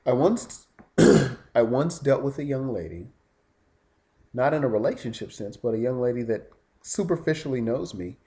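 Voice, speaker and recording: A man with a mellow, rather dark voice talks straight into his channel in a casual vlog monologue. He rambles as he tells his stories and takes an indignant, complaining tone. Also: mid-range voice. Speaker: YouTube vlogger.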